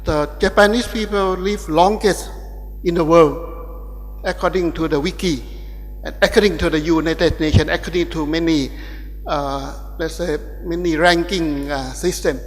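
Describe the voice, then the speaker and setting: A man from Thailand with a Thai accent, giving a keynote lecture at a university ceremony in a halting way, with many restarts. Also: a little high, fairly even intonation, long reverb tail. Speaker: guest lecturer. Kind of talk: academic keynote speech. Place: large ceremonial hall.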